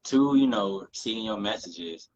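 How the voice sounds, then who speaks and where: Guy on a podcast getting emotional, lowish voice, kinda muffled lo-fi sound. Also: expressive. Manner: emotional, heartfelt, halting with many fillers. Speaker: podcast co-host. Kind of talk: casual podcast conversation.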